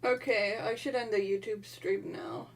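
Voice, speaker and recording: A woman's voice: medium pitch, moderate pace, creaky. A woman hosting a game stream with friends, chatting casually with lots of fillers and sounding hyped. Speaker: stream host.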